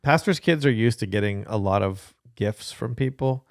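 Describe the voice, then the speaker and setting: Male podcast host, mid pitch, dry close mic, joking banter. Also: animated, normal speed, no echo. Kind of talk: casual podcast chat.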